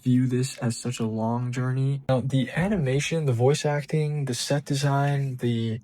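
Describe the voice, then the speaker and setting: A man hosting his own channel, giving an excited, gushing breakdown of a new show's first episode with frequent ums and restarts. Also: medium pitch, a little slow, poor audio. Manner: enthusiastic, gushing fan. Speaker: show reviewer and channel host.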